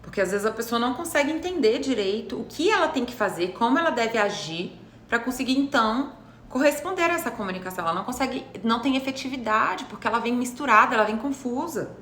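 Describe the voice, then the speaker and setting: A woman's voice: fairly high pitch, lively intonation, fast talker, fairly bright tone. Brazilian psychologist woman in an echoey room. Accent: Brazilian Portuguese. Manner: teacherly, checks in with listeners often. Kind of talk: live explanatory talk. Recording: roomy echo with faint noise.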